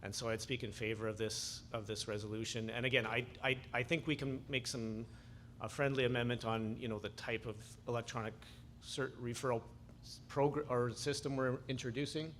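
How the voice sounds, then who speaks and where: A man's voice: mid-range voice, fairly even intonation, fairly quick, a bit bright, a little hiss or hum. A man, a physician delegate, speaking from the floor of an assembly, often stammering and repeating words.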